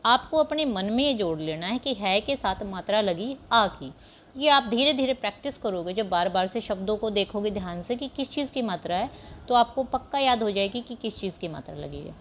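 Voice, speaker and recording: A woman teaching young children Hindi vowel signs, patiently explaining step by step and sounding out words slowly. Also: medium pitch, expressive, dull audio, a little hiss or hum. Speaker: primary school teacher. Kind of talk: Hindi phonics lesson over slides.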